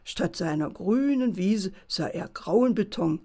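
A woman calmly reading a children's bedtime story aloud. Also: medium pitch, takes it slowly.

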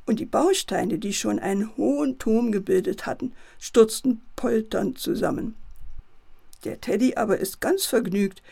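A woman narrating a children's bedtime story in a gentle, lively way. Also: on the high side, measured pace, creaky, slightly rough.

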